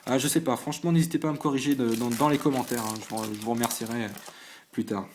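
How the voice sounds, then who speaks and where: A man with a medium-pitched voice talks quickly against a noisy background, hosting his own channel from a home desk under a lamp as he opens trading card packs. He chats casually to the camera, listing cards one after another with short reactions, often stumbling and restarting with fillers.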